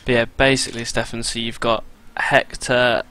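Bright-voiced young man commentating. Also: medium pitch, normal speed, smooth. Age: 20s. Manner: relaxed, chatty, reads out lap times with fillers. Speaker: sim racing commentator. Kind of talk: casual race commentary.

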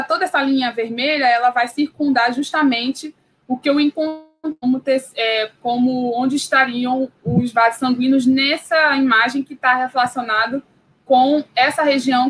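A woman's voice: high voice, steady tone, moderate pace, a bit bright, a little hiss or hum, poor audio. A woman from Brazil giving an academic biology lecture, hesitant, with many fillers and restarts.

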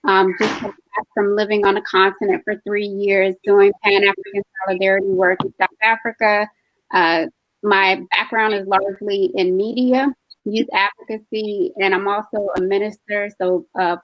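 A woman from Eritrea introduces herself on a video call in an even, composed tone. Her voice stays flat in pitch and comes through a dry, slightly dull line. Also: normal speed, no room sound. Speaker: panelist, media founder and minister. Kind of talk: self-introduction on a panel.

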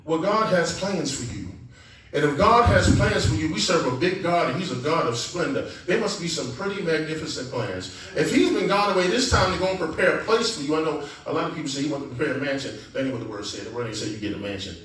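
A man preaching a sermon as guest preacher, animated and calling out to the congregation for responses. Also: fairly high pitch, fast talker. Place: church sanctuary. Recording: echoey church sound from a distance.

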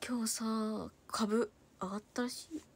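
High-voiced young woman chatting on a livestream. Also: fairly even intonation, breathy edge. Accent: Hiroshima dialect in places. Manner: chatty, quick-talking, reads viewer comments aloud and thanks them. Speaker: idol livestreamer reading comments. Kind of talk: casual livestream chat.

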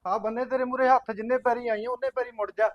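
A man's voice: extremely high pitch, fairly even intonation, fast talker, dull audio, a little hiss or hum. A man playing a harsh, dismissive younger brother who scolds his older sister. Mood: scolding. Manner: curt and scolding. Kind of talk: short film acting.

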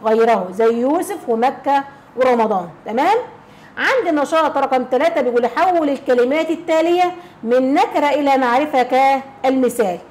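A woman's voice: high-pitched, lively intonation, brisk, a little mellow, rough recording. An Egyptian woman teacher explaining a lesson, who keeps asking rhetorical questions, answers them herself and repeats key phrases. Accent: Egyptian Arabic.

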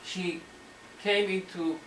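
A man lecturing on history as a story, animated and sometimes searching for words, acting out the quotes. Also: high voice, takes it slowly. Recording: roomy hall, mic at a distance, faint noise.

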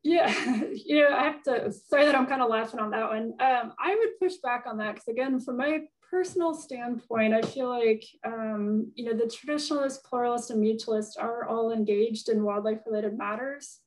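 A woman's voice: on the high side, normal speed, few pauses. Distant-sounding woman answering questions. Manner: thoughtful, hedging, many fillers. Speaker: guest speaker answering audience questions. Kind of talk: conversational Q&A answers.

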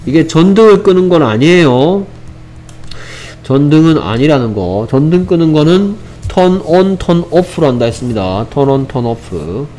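Male English teacher, Korean accent, slightly high voice, repeats each phrase, faint background hiss. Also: expressive, measured pace, warm tone. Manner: explains step by step, repeats phrases, mixes English examples into Korean. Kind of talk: online English vocabulary lesson.

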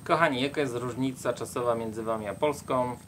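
A man's voice: medium pitch, a little fast, slight background noise. A young man travel vlogger reading out viewer questions and explaining plainly in casual chat.

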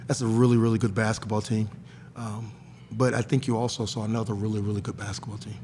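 A middle-aged male coach sits at a press table with a table mic, talking frankly and with emphasis after a game. His voice has a gravelly edge, he often repeats words as he restarts, and a light hiss runs under the room. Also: on the low side, flat delivery, quick pace, darkish tone. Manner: candid, repetitive restarts, emphatic. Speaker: head basketball coach. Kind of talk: postgame press conference. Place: press room in front of a sponsor backdrop.

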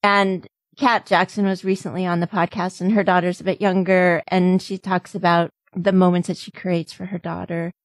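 A woman's voice: fairly low pitch, level tone, normal speed, hardly any pauses, no room sound. Chatty American woman hosting a podcast. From United States. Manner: chatty and affirming. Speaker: podcast host. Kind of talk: casual podcast conversation.

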